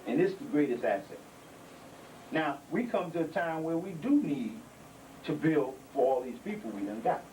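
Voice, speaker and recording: At an indoor community gathering, a middle-aged elder with an animated, slightly high and somewhat mellow voice preaches to young members at a moderate pace. Repetition and street vernacular drive his message, and the distant handheld mic picks up background noise.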